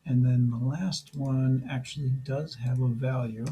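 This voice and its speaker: A man walks through a coding tutorial in a mellow, dark voice that is wearing thin, as if he is losing it. He explains step by step, casually, with lots of "uh"s. A faint hum sits under the recording. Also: medium pitch, measured pace, muffled recording. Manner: relaxed, explains step by step with frequent fillers. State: losing his voice. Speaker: programming instructor.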